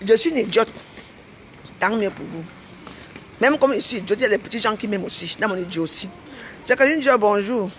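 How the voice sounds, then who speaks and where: This Cameroonian French-accented woman has a medium-pitched voice with lively intonation, talking briskly and pausing often, with a faint hiss or hum underneath. Addressing her viewers directly as a vlogger, she rants indignantly, repeats herself, and keeps adding "hein".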